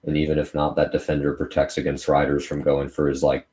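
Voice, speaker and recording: A man's voice: rumbling low, completely flat delivery, brisk, mellow. A man giving live commentary on a strategy game, laying out what each player is planning. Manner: analytical, lays out what each player plans. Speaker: esports commentator.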